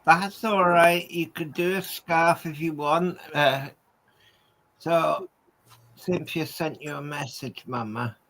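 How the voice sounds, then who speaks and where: Slow calm speaker on a video call, mid pitch, reassuring. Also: rough recording. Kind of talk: casual group video chat.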